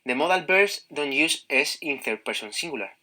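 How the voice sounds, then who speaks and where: A man reading a scripted grammar lesson in a slow, measured way. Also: a little high, expressive, sharp tone, low-quality recording.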